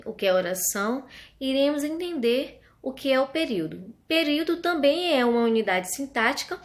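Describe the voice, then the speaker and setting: A woman teacher from Brazil gives a recorded grammar lesson. Her voice sits a little high, and she explains each point slowly and carefully for her students. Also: fairly bright tone.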